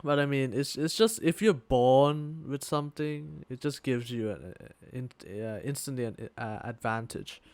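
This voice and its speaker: A young man talks at a moderate pace in a mid-range, slightly mellow, creaky voice, barely pausing, with no echo. He co-hosts a casual podcast, telling a meandering story crowded with fillers, restarts and swear words. He lives in Thailand and attends school there.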